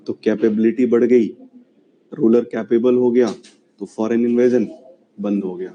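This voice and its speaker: A man's voice: medium pitch, mellow, lo-fi sound, a little hiss or hum. A man lecturing a classroom on history, chatty and often checking whether students follow. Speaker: history teacher.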